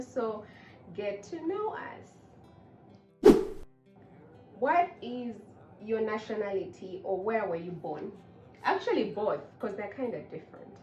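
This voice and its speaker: A woman's voice: a little high, muffled recording. Woman, late 20s, bubbly, echoey room, a bit far from mic. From Uganda. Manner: bubbly, expressive, quick to laugh. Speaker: host. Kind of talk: casual chat.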